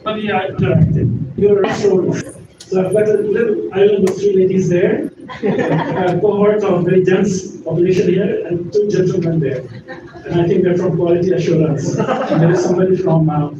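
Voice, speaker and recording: An older man, invited as guest speaker, gives a university audience an informal, chatty lecture, joking and laughing along with them. His voice sits high, steady in tone at a normal speed, and the recording from the lecture hall is echoey, distant-miked, dull, lo-fi and noisy.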